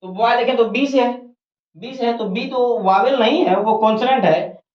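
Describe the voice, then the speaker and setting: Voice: mid-range voice, moderate pace. A teacher giving a grammar lesson at a board, repeating each point and asking and answering questions. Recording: roomy, dull lo-fi recording.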